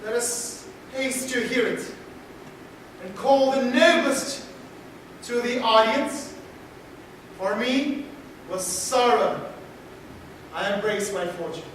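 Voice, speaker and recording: High-voiced proud warrior prince played by a man, echoing. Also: takes it slowly, pauses often, a bit bright, exaggerated voice. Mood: formal, proud. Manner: declamatory, formal. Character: proud soldierly foreign prince claiming a throne. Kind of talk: theatrical Shakespearean stage acting. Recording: echoey hall, distant mic, clear noise.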